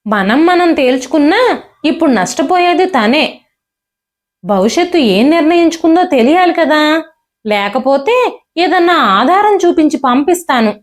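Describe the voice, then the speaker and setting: A woman voicing a stern, proud lady of the house with a cold, cutting way of speaking. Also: high voice.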